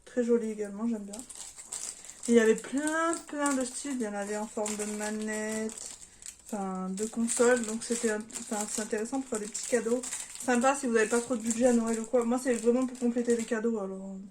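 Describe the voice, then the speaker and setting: A French woman talks casually through an unboxing, her voice sitting a little high. She hesitates often and fills the pauses with small sounds as she goes. A faint noise runs underneath. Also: steady tone, darkish tone. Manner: chatty, hesitant with many fillers, self-deprecating. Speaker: vlogger.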